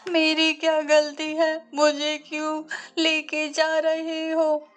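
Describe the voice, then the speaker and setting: A woman voicing a plump, greedy young male disciple who pleads and wails in slow, high, whiny tones. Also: monotone, a bit bright, soft background music. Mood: pleading.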